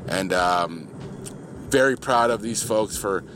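Low-voiced man joking through a gym recap. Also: slow, slight background noise. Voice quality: low monotone voice, by his own joke. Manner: playful, jokey hype with many fillers. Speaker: gym coach hosting a podcast. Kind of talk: casual workout recap.

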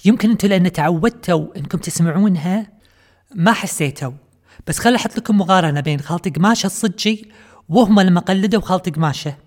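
A woman's voice: on the low side, fast talker, darkish tone. A woman with a Kuwaiti accent hosting a comedy podcast in a sarcastic, mocking tone. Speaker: podcast host.

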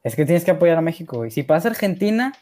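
A man's voice: fairly high pitch, sing-song, quick pace, warm tone. A young man with a Mexican accent, a podcast co-host scolding and mocking his friend in casual sports banter.

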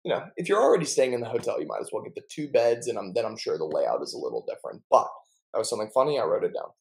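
A man's voice: mid-range voice, big pitch swings, rapid-fire, creaky, low-quality recording. A young man co-hosting a casual chat, telling stories in a chatty, jokey way and playfully mangling words. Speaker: podcast co-host.

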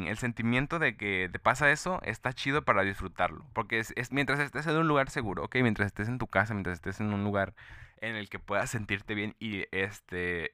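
Bright, rambling young Mexican man. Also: on the low side, clean tone, dry recording, clean studio sound. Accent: Mexican Spanish. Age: young adult. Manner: rambling, full of fillers and restarts. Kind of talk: casual monologue.

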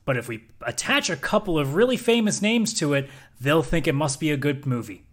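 A man's voice: on the high side, lively intonation, a little fast. A man co-hosting a podcast in casual chat, talking in a blunt, opinionated and emphatic way. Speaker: podcast co-host.

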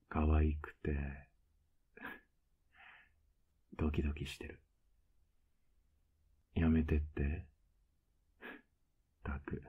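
Whispered role-play, male voice actor as a doting older boyfriend: husky, very low, flat and coaxing. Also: exaggerated voice. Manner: teasing, soft-spoken, coaxing.

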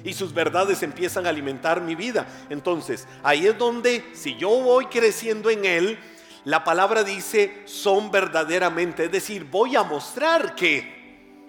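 Costa Rican pastor preaching in a hall. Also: male voice, high voice, animated, a little slow, fairly bright tone, soft background music. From Costa Rica. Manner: emphatic preaching, rising on questions. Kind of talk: sermon.

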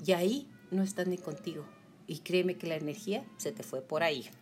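A woman giving a motivational talk. She speaks in an animated way, with emphatic repetition, and acts out the complaints she quotes. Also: lowish voice, brisk, soft background music.

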